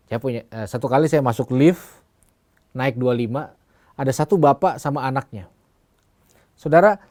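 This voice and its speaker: A man's voice: medium pitch, darkish tone, no room sound, studio quality. Man giving a story-filled sermon. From eastern Indonesia. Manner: humorous storytelling, direct address to the listeners. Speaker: preacher. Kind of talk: sermon to young people.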